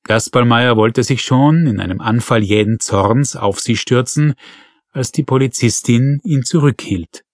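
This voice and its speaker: A man reading a novel aloud as an audiobook narrator, with steady storytelling delivery. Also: mid-range voice, measured pace, no echo, clean studio sound. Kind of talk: scripted narration.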